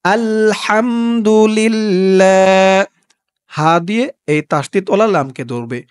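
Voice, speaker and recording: A man giving a step-by-step recitation lesson, patiently spelling out sounds letter by letter and chanting the words slowly and drawn out. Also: sits high, dry recording, clean studio sound. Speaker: religious teacher.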